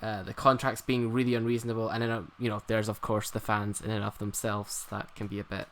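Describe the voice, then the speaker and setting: A podcast host talks casually at an ordinary middle pitch. The speech hedges constantly and is padded with "you know" and "like" between thoughts. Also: little pitch movement, quick pace, slight background noise. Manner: hedging, peppered with "you know" and "like".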